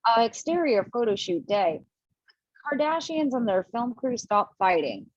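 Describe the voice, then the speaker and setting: Very animated but keeping a measured pace, a woman with a mid-pitched voice chats her way through stage directions for an amateur video-call table read, adding asides and fixing her own slips. Her audio is dry and dull like a lo-fi call, with no room sound.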